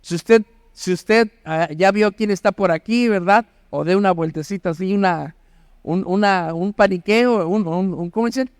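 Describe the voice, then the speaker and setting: A pastor with a fairly high, smooth voice delivers a Sunday sermon to his congregation. He keeps checking in with the listeners, tagging short phrases with quick questions. The sound is dry, with little room echo. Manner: asks the congregation constant questions. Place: church auditorium.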